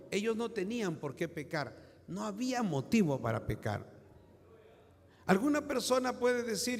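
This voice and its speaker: A man's voice: high voice, darkish tone, big-room sound. A man preaching a sermon as pastor, fervent and breaking into praise exclamations.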